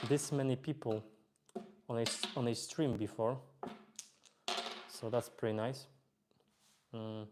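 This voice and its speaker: Against a noisy background, a young man with a Polish accent, from Poland, talks in a mid-range voice on his live stream as he plays. Relaxed and chatty, he reads the chat aloud and uses hesitant fillers.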